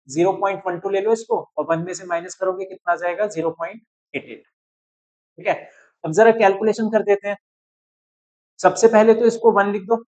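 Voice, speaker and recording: A man's voice: sits high, poor audio. A young man teaching chemistry, working through a calculation step by step and often checking that students are following. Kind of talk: chalkboard-style math walkthrough.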